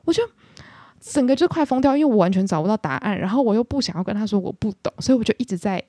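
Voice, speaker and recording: Brief: young woman, rapid and animated, pokes fun at herself, dry close mic. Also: medium pitch, dry recording. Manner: animated, self-mocking storyteller. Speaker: podcast host. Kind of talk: casual solo storytelling.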